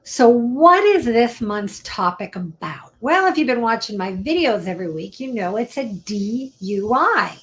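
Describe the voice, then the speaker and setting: A woman's voice: on the high side, big pitch swings, unhurried, few pauses, fairly bright tone. A woman attorney hosting her own live Q&A stream, talking in a chatty, upbeat way with the odd whispered aside. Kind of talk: casual live-stream talk.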